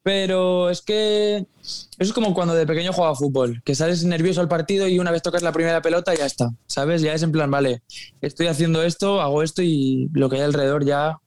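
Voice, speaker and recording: A man's voice: a little high, fairly quick, dry recording. Easygoing man talking about his music. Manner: relaxed, easygoing, colloquial. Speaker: singer guest. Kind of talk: casual interview chat.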